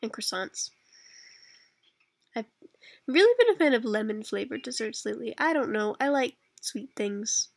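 Lying on a bed in a dark bedroom at night, a Canadian woman in her twenties chats casually and answers questions, rambling and self-deprecating with dry asides. Her slightly high voice is expressive and creaky, at a moderate pace with frequent pauses, recorded dry.

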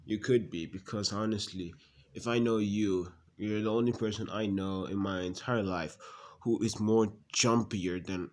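A man's voice: fairly low pitch, close to an everyday voice. A man doing a teasing, nagging young brother. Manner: teasing, mocking, keeps raising his voice. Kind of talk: comedy sketch acting.

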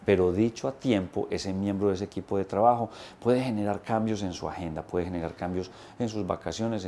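Low, dark-voiced man coaching on camera. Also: slight background noise. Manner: emphatic, gesturing with both hands, listing points. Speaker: business coach. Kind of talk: instructional talk to camera. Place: indoor studio set. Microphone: lapel mic.

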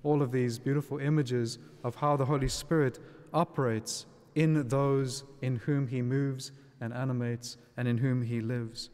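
Male priest, middle-aged, mid-pitched voice, solemn liturgical delivery, long cathedral echo. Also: fairly even intonation, measured pace, hardly any pauses, a little mellow. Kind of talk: liturgical reading and homily. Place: large church, indoors. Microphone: gooseneck lectern microphone. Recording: long church reverb.

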